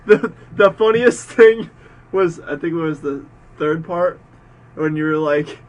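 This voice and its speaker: A man's voice: a little high, a little slow. A young man co-hosting a casual podcast, joking and laughing with his friends. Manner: giggly, jokey banter. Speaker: podcast co-host. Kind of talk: casual chat.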